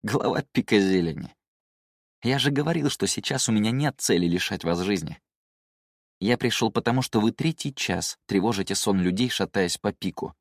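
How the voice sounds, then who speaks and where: A man's voice: on the low side, lively intonation, normal speed, no room sound. A man voicing a stern young male swordsman who speaks dryly and curtly. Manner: dry, curt.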